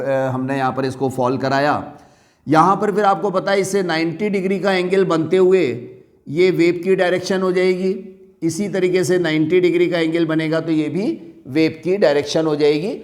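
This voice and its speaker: A man explains a physics topic to students in a steady classroom lecture. His voice sits fairly high, and he keeps the class involved by posing questions and answering them himself. English technical words slip in throughout his explanation. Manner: addresses students as "beta", asks and answers his own questions; mixes English technical terms into Hindi. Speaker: physics teacher.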